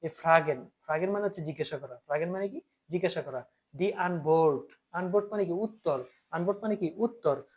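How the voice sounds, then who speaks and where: A man's voice: on the high side, a little fast, a little mellow. A man teaching German vocabulary in a Bengali lesson. He has a Bangladeshi accent, asks questions, answers them himself and often checks that students are following.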